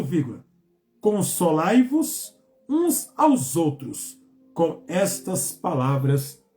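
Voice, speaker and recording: A Brazilian man, a pastor giving a Bible study, who reads verses aloud and speaks every comma and period, with halting restarts. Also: on the high side, dark tone, echoey room. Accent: Brazilian Portuguese. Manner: halting, with restarts and drawn-out words.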